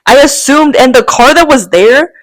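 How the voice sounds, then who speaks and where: Animated young woman telling a story. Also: sits high, normal speed, no echo. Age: young adult. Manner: animated, rambling, acts out quotes, laughs often. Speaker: podcast co-host. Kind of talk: casual storytelling chat.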